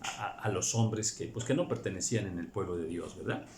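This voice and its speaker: A man's voice: deep voice, brisk, noisy background. A man preaching a Bible study sermon, reading scripture and commenting, acting out the story and often asking "right?". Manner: animated, acts out scripture, frequent rhetorical "right?". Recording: echoey room with faint ambience.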